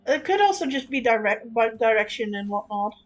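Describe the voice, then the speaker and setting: A woman's voice: on the high side, very animated, a little fast, highs cut off, soft background music. A woman streamer chatting frankly and casually while she plays, swearing now and then and often restarting her sentences. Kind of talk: casual live-stream chat while gaming.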